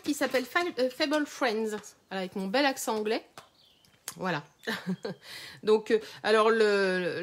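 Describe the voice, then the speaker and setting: A woman runs a live crafting tutorial, chatting to viewers with many hesitations and little laughs, recorded on a phone. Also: mid-range voice. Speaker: craft demonstrator.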